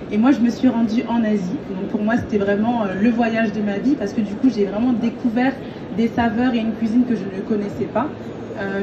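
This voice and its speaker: A young woman, a restaurant co-founder, answering interview questions in an earnest, lively way with frequent fillers. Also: fairly high pitch. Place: event stage. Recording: distant mic, dull sound, noisy event.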